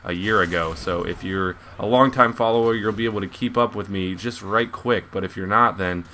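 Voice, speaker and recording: Young guy doing a rambly welcome-back commentary, lowish voice but bright and clean. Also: normal speed, slight background noise. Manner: rambling, self-mocking, lots of restarts. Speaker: YouTube gaming commentator. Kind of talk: casual video commentary.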